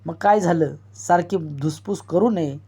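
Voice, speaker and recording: A woman's voice: lowish voice, a little slow, warm tone, slightly rough. A man reading as a scolding village woman.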